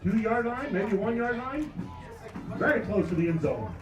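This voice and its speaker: A man's voice: sits high, sing-song, a little slow, music in the background. A man doing color commentary on a local football game, adding details on ball placement and the plays. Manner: adds clarifying details on field position. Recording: echoey, from far off the mic.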